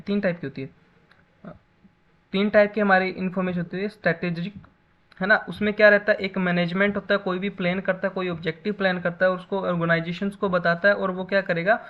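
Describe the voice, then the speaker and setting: A man's voice: sits high, lo-fi sound. A man teaching a basic computer class in a lecture style, explaining with everyday examples and often checking back with "है ना".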